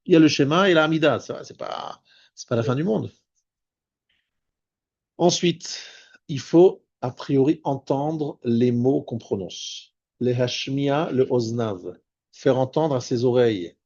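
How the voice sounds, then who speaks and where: Rabbi guy giving a class, slows way down on the hebrew words, kinda dull lo-fi sound. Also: medium pitch, a little mellow. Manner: explanatory, repeats and restarts words, stresses Hebrew terms slowly. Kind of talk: spoken Torah lesson.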